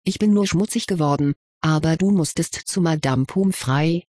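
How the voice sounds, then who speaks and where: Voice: medium pitch, normal speed, a little mellow, dry recording, studio quality, natural voice. A reader voicing a sensible, lightly ironic schoolboy wizard in an audiobook of fan fiction, talking in a level, lecturing way. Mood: reasoning, dry.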